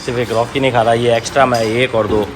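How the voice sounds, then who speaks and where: Hoarse man calling sharp commands to dogs. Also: medium pitch, fast. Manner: sharp loud commands to dogs between calm explanation. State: hoarse from a sore throat. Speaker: dog trainer. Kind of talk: casual vlog narration while handling dogs. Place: outdoors at a dog hostel. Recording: noisy outdoor recording with barking dogs. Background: dogs barking.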